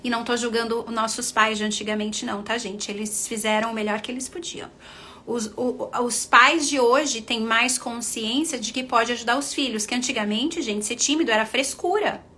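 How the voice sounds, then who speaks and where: A middle-aged Brazilian confidence coach with a Brazilian Portuguese accent chats casually on a livestream, calling her viewers friends. Her voice is fairly high with fairly even intonation, a sharp tone and normal speed, over slight background noise.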